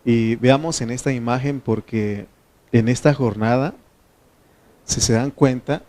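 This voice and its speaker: A man's voice: mid-range voice, measured pace, darkish tone. A man from Mexico, a pastor, leading a Bible study and prayer for his church, often asking the congregation questions. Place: church meeting room.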